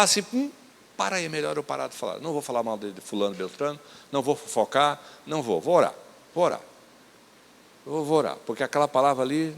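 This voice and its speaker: A man, preaching a church sermon with emphatic, raised appeals and soft asides. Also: fairly high pitch. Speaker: pastor. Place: church service. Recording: reverberant church hall.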